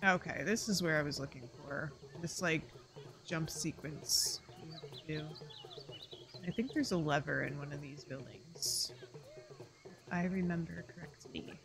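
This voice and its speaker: Female streamer, casual chatty play-along commentary, slightly low voice. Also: a little slow, crowd noise. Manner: chatty, rambling, lots of fillers. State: hiccups. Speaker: streamer playing a game.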